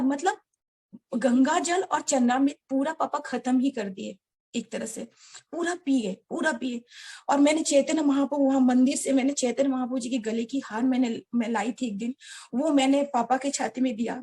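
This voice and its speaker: A woman telling a personal story to a devotional gathering, earnest and halting, often addressing her listeners directly. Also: sits high, dark tone, breathy edge. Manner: many restarts and hesitations. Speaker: devotee sharing a personal experience. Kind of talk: heartfelt personal storytelling to an audience.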